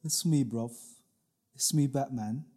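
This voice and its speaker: A man playing a gruff male caped vigilante who threatens criminals, in a clumsy mock-British manner. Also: mid-range voice, measured pace, warm tone, pitched above the performer's own voice, natural voice. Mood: menacing.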